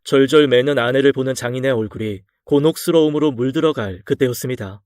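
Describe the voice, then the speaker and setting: Calm male storyteller, dry close voice. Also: medium pitch, dry recording. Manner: calm, measured telling. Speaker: story narrator. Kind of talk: scripted story narration.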